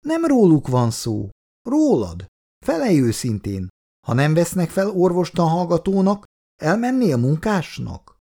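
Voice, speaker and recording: This is an anxious teenage schoolgirl from a storybook, speaking high and shaky as she fights back tears, voiced by a man reading aloud. Her pleading rises and falls widely, and a dark, gravelly texture stays in the sound. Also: wildly swooping pitch, full character voice. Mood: insistent. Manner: trembling, tearful pleading.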